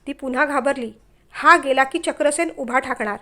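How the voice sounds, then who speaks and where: High-voiced woman reading a story aloud. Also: normal speed. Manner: expressive, dramatic narration.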